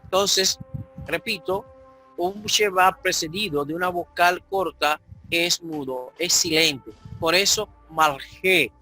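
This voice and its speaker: A man teaching a Hebrew grammar lesson online, explaining slowly and repeating the key points. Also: high voice, pushed and bright, soft background music. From Dominican Republic.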